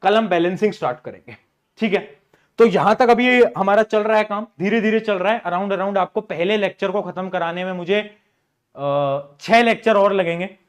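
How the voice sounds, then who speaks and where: A man's voice: sits high, moderate pace. A man teaching an online class, chatty, repeating phrases and mixing English terms into his talk.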